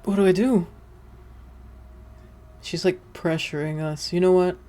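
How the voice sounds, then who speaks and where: A woman's voice: fairly low pitch, fairly even intonation, a little slow, dark tone. A young woman doing casual, slangy let's-play commentary, chatting back at the game as she goes. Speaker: gaming video host. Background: faint game music.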